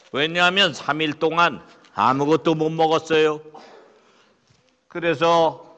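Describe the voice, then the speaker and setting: A man narrates a children's puppet story slowly and gently, in a high, bright voice. He is a pastor performing live in a church. A long hall reverb hangs behind him.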